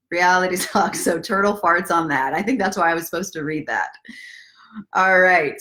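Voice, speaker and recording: Speaking at a medium pitch with a touch of brightness, a woman leads a casual live-stream story time. As a self-love coach, she addresses her audience in an upbeat, playful, encouraging manner, chatting, guiding breaths, and reading from a book.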